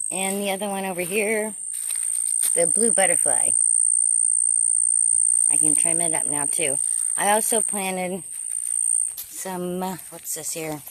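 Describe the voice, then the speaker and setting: A woman's voice: fairly low pitch, slight background noise. A woman narrating a casual garden vlog outdoors, thinking aloud as she works. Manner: chatty, thinking aloud while working. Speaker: gardener filming her garden.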